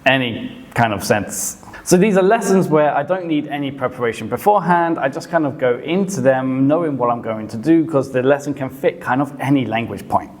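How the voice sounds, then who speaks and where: A man who teaches English, casually explaining teaching tips in a relaxed, conversational way with frequent hedges. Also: mid-range voice. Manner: relaxed and conversational, often hedging. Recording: long reverb, hall-like echo.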